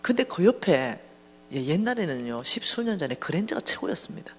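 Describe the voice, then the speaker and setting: A woman giving a lively, humorous testimony sermon in a church, acting out dialogue as she tells the story. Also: lowish voice, a little fast, slight background noise. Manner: animated storytelling, acting out dialogue, bursts of laughter. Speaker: church finance lecturer.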